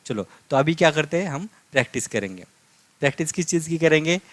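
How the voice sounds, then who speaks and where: A man teaching a live online language lesson, slowly drilling words by repeating each one and checking in with tag questions. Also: fairly high pitch, a bit bright, no room sound. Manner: slow, repetitive drilling with frequent tag questions.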